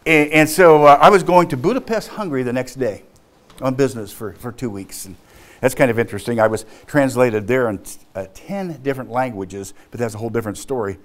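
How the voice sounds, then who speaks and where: Male business speaker, storytelling keynote, animated, halting, laughs often. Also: medium pitch.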